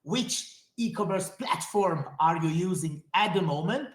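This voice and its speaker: This man from Hungary, a native speaker with a Hungarian accent, addresses his webinar audience directly with friendly enthusiasm. He has a high voice and talks a little slowly, and the audio is reverberant.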